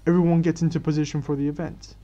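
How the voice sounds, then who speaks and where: A man's voice: fairly high pitch, flat delivery, fast talker, mellow, soft background music. Man reading a fan story, many restarts. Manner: stumbling restarts and self-corrections. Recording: dull lo-fi recording.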